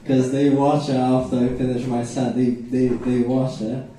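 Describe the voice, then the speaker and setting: A man's voice: mid-range voice, little pitch movement, moderate pace, mellow, slight background noise. A young Brazilian man whose first language is Portuguese, doing rambling, self-mocking stand-up at an open mic. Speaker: stand-up comedian. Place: open mic comedy venue. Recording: echoey room, from far off.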